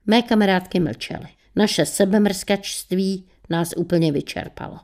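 A woman's voice: mid-range voice, darkish tone. Wry woman reading her own story. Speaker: radio presenter and author.

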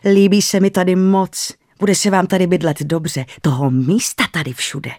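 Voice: mid-range voice, fairly even intonation, a little mellow, no room sound, lightly acted. A storyteller voicing an older, superstitious grandmother, slightly raised and eager, in a dry recording. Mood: pleased.

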